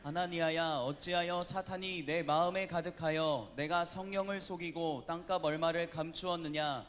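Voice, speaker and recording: A congregation reading a scripture passage aloud together, in a steady recited rhythm. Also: medium pitch, normal speed. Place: church sanctuary. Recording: reverberant church hall.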